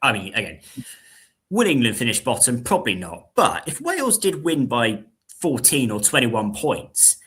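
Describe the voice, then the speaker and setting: Young guy on a sports podcast, bright voice, very animated, hams it up. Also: mid-range voice, normal speed. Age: young adult. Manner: animated, dramatic, self-mocking. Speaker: podcast co-host. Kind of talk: casual sports chat.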